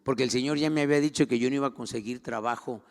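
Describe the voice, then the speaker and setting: A middle-aged man with a Mexican Spanish accent, preaching a sermon as pastor. He moves between quiet personal storytelling and loud, fervent outbursts. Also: mid-range voice, steady tone, rapid-fire. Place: church. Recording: long reverb of a church hall.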